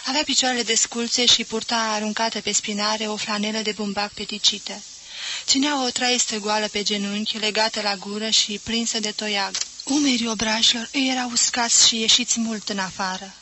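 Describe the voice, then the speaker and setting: Woman audiobook narrator, bright tone, measured literary reading over faint hiss. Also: medium pitch, steady tone, rough recording. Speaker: audiobook reader.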